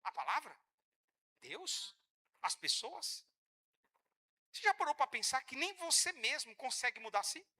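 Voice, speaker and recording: A man preaching a sermon in church, animated and joking with the congregation, often acting out the voices of church members. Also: extremely high pitch, unhurried, pauses often. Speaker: pastor.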